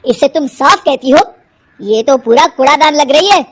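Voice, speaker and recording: Woman doing grumpy storybook husband, high, slow, complaining. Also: expressive, background noise. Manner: complaining, scolding.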